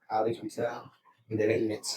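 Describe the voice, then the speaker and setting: A man's voice: fairly low pitch, completely flat delivery, moderate pace, dark tone. A middle-aged married man in a casual talk show, answering frankly and rambling a bit. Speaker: married guest. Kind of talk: casual chat.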